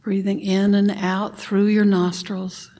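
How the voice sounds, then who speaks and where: A woman leading a guided meditation, giving gentle instructions and sometimes dropping to a whisper on the breath cues. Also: mid-range voice, level tone, takes it slowly.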